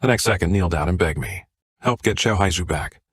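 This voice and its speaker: A man narrating a comic story recap in a flat, even reading style. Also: sits low, brisk, breathy edge, dry recording, studio quality.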